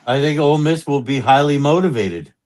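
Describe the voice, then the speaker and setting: A man's voice: fairly high pitch, animated, fairly quick, a little mellow. Man, dry wry understatement, casual sports chat, co-host.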